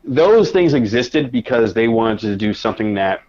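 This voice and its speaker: A man talking as a podcast guest in a casual conversation, animated, in quick bursts with frequent restarts. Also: mid-range voice. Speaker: podcast guest, media editor. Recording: dull lo-fi sound.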